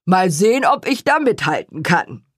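A woman's voice: lowish voice, very animated, slightly rough, no echo, clean studio sound. Woman doing a showy magician dad. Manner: slow, grand showman's announcing. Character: boastful cheerful father doing a magic show.

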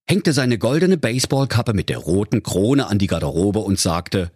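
A man's voice: lowish voice, very animated, normal speed, darkish tone, breathy edge, no echo, studio quality. A man narrating a comic fairy tale in a mock-solemn way. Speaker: storyteller.

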